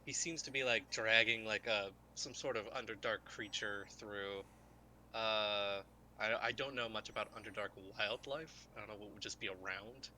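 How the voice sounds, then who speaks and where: Bright-voiced man running a tabletop game. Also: on the low side, fairly even intonation, moderate pace, a little hiss or hum. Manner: casual, rambling with fillers. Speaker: game master.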